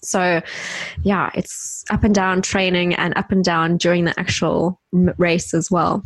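A woman co-hosting a podcast in casual chat, talking brightly and laughing often, with high giggles. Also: little pitch movement, measured pace, dry recording. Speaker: podcast co-host.

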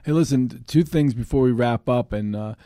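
A middle-aged man hosting a podcast in casual chat, talkative and quick to laugh. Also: mid-range voice, dark tone, no room sound. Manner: chatty, laughs easily. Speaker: podcast host.

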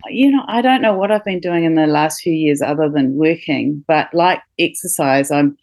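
A middle-aged woman with a notably deep voice answers interview questions in a relaxed, hesitant way, full of fillers and small laughs. The recording is close and dry, with no room sound. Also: normal speed, no room sound. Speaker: podcast guest, company co-founder. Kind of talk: casual interview chat.

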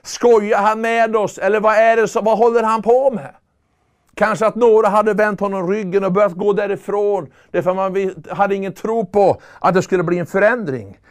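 High-voiced man preaching earnestly. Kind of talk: sermon.

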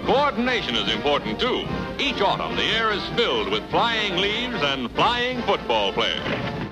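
A man's voice: sits high, huge pitch swings, a little slow, rough recording. A man in the jaunty, wisecracking manner of a 1920s newsreel announcer, played from an old movie newsreel soundtrack. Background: loud music.

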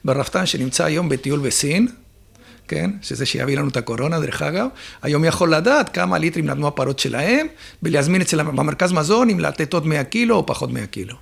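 Man, dairy expert, explains patiently with lots of pauses; gravelly, slightly husky voice sitting a bit high. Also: animated. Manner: explains step by step with many filler pauses. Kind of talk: explanatory interview talk.

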